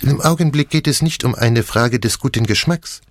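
An actor playing a clever, fussy middle-aged Belgian detective, speaking with a French accent and a precise, theatrical manner. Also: male voice, medium pitch, normal speed, no room sound, studio quality, natural voice. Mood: smug lively. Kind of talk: audiobook character reading.

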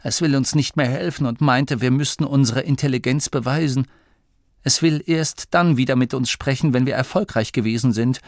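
A man voicing a young, put-upon gnome leader in an audiobook, talking in a rushed, fretful, self-pitying way. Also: medium pitch, no room sound, clean studio sound, voice pushed up, natural voice. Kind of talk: audiobook character voice.

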